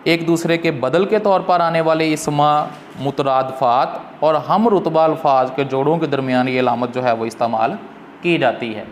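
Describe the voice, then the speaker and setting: A man's voice: fairly high pitch, moderate pace. A male teacher who gives a patient, fatherly exam-prep lecture and calls his students "beta". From Pakistan. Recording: echoey room with faint noise.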